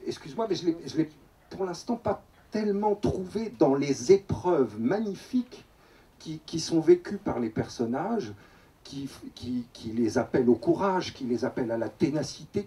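A man in his fifties from Paris, moderating a public talk in a measured, formal way with frequent hesitations, speaking into a handheld mic. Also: mid-range voice, warm tone, distant mic. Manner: measured, formal, many "euh" and "n'est-ce pas". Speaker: moderator, writer and teacher. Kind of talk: public talk, asking a question. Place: open tent at a rural festival.

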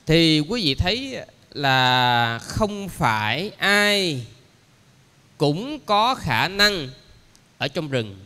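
Monk teaching a class, slightly high voice, lots of ums and pauses, echoey hall. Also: male voice, big pitch swings, sharp tone, clear, resonant tone. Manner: explains slowly with many pauses and fillers. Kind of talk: dharma lecture. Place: temple lecture hall. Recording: long hall reverb.

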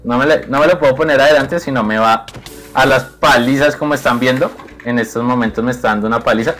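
This young man speaks with a voice of ordinary middle pitch. He talks quickly and playfully over his gameplay, taunting his opponent and breaking into laughs. Soft music plays faintly underneath. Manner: playful, teasing the opponent, frequent laughter and exclamations. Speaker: gaming video creator. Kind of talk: excited gameplay commentary.

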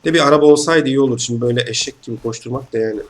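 A young man with a hoarse voice from being sick, chatting casually and excitedly as he plays a game and comments on it. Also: mid-range voice, rapid-fire. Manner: chatty, excitable, slangy, bursts into shouts. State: hoarse from illness. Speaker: gaming channel host. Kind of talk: casual let's-play commentary.

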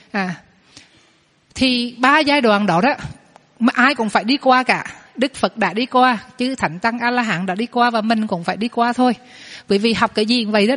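A woman, a Buddhist nun, teaching a Dharma class, explaining patiently and drilling new words slowly, saying each one twice. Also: fairly high pitch. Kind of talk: Dharma lesson with pronunciation drills. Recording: long hall reverb.

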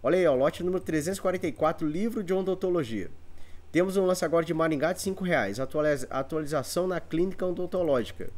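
A Brazilian-accented man runs a live online auction, rattling off repetitive patter of bids and counts. His voice is a little high, fast, and darkish in tone, and he's in an indoor room full of antiques.

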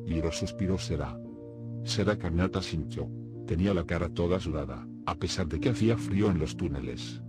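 A man narrating an audiobook in a steady storytelling delivery. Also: sits low, moderate pace. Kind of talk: scripted narration. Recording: music playing behind the voice.

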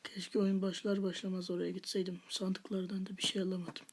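A woman's voice: medium pitch, little pitch movement, brisk, a little mellow, husky. A woman hosting a gaming channel, giving live gameplay commentary with half-whispered muttered asides and playful taunts at opponents.

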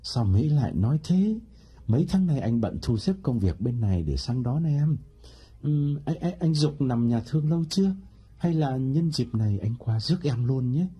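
A man voicing a smooth-talking male lover in an audiobook, eager and pleading. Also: mid-range voice, animated, moderate pace, dark tone.

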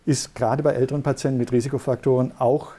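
A man's voice: medium pitch, level tone, quick pace, mellow. A middle-aged man, a neurologist, patiently explaining in an interview. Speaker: neurologist guest.

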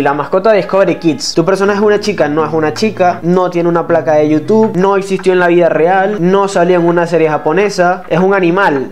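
Quick, high-voiced young Venezuelan man. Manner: reads game questions aloud and answers them quickly. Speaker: gaming YouTuber. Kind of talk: casual gameplay commentary. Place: small room indoors.

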